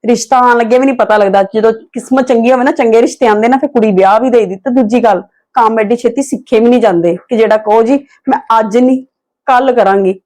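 A woman's voice: on the high side, fast talker, a little mellow, lightly acted. A young woman, playing a sensible wife who firmly lectures her husband about his sister. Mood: lecturing.

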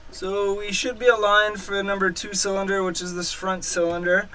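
A man's voice: high-pitched, flat delivery, moderate pace, pushed and bright, a little hiss or hum, low-quality recording. A man casually narrating how he rebuilds a boat engine, chatty and self-deprecating, working in a cramped engine bay below deck.

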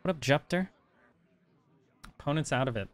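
A man's voice: fairly high pitch, animated, normal speed. A man streaming a card game, chatting casually and thinking through his moves aloud with plenty of fillers. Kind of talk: casual gameplay commentary.

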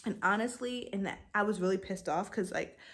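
A young woman vlogger tells the story of her labor in a relaxed, lively way, speaking a little fast. Her pitch shoots up when she relives her frustration.

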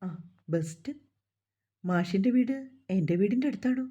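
A gentle, reassuring young man, as a woman reading a story puts him on. The tone is warm and husky, and the recording is dull. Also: mid-range voice, lively intonation, moderate pace. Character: Vishnu, calm kindly young man.

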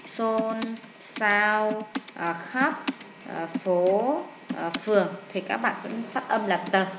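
A woman teacher walks students through a test, chatty and full of drawn-out fillers. She often repeats words and speaks to the class directly. Her voice sounds roomy and echoey, with a faint hiss underneath. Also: medium pitch. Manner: addresses students warmly as "các bạn". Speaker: English teacher. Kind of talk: exam walkthrough lesson.

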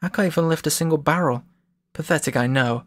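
A man's voice: a little high, fast talker, no echo, lightly acted. A man voicing a shy, weak young man from a video game who talks himself down. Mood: sheepish. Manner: self-deprecating, sheepish.

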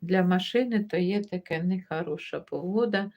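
A woman's voice: lowish voice, moderate pace, lo-fi sound. A woman hosting a livestream in casual chat, reading out viewer comments and greeting viewers by name. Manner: chatty, warmly greets viewers by name one after another; easygoing, laughs as she talks. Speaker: livestream host.

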